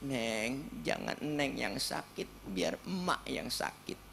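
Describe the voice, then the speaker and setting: A man slips into a worn-out mother who nags her household in blunt, slangy street talk. The voice stays close to an everyday register, middle in pitch, and the delivery is plain-spoken. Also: normal speed, a bit bright, slight background noise, natural voice. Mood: tender. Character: scolding old Jakarta mother, blunt and weary.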